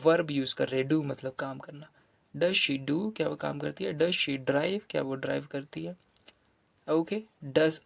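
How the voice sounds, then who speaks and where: A man gives a grammar lesson at a slow, deliberate pace, repeating each example sentence with its translation. His voice sits a little high and has a gravelly edge. The sound is dry and close. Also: no room sound. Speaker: English teacher. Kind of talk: grammar lesson mixing Hindi and English.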